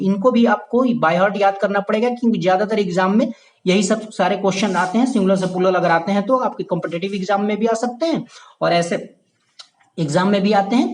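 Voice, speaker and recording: In a high voice with a darkish tone, a man leads a basic grammar lesson. He restates the important points and checks in with his audience, calling each viewer "my dear friend".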